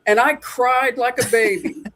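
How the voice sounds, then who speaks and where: A man's voice: very high-pitched, fairly even intonation, a little slow, sharp tone. A man in his sixties hosting a casual podcast conversation, speaking in an earnest, openly personal way. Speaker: podcast host.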